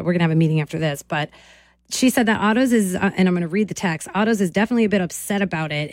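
A woman hosting a morning radio show, chatting in a gossipy, animated way. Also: mid-range voice, no room sound. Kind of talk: casual radio chat.

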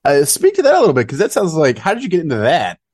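A man's voice: fairly high pitch, wildly swooping pitch, fast, darkish tone, slightly rough, dry recording, clean studio sound. A man co-hosting a talk show, laughing easily and chiming in briefly. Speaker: co-host, sound engineer. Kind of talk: casual chat.

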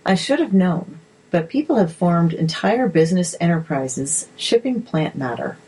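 A woman narrator reading articles aloud in a measured, steady way. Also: fairly low pitch, husky, low-quality recording.

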